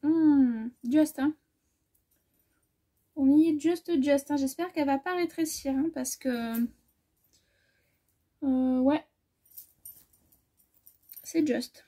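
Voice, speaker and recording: A woman sewing vlogger chatting casually through a fabric haul, rambling and correcting herself as she measures, often trailing off softly. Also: high-pitched, drawn-out words, pauses often. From France.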